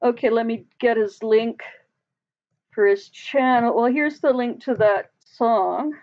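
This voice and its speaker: A woman with a fairly high voice chats unhurriedly with her viewers on a live stream. She rambles, laughs often and leaves sentences unfinished. The stream audio sounds dull and lo-fi. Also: slow pace. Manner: chatty, laughs often, trails off mid-sentence. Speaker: livestream host. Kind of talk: casual live chat with viewers.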